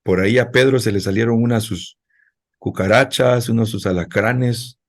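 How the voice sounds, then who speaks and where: A man's voice: on the low side, moderate pace. A male pastor preaching a sermon in a conversational way, speaking directly to his congregation.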